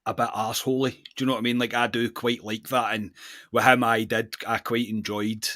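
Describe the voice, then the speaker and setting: A man's voice: medium pitch, flat delivery, fairly quick, pushed and bright, no echo, studio quality. A man with a Scottish accent hosting a casual football podcast, chatty and friendly, calling people "mate". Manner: friendly, says "mate" a lot. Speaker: podcast host.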